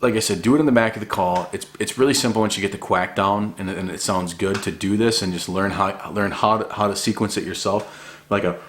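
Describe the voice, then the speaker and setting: A man's voice: on the low side, fairly quick, slight background noise. A man giving an informal, encouraging hobby tutorial in a laid-back, conversational way. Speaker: hobby hunter giving a duck calling tutorial. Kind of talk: casual instructional talk.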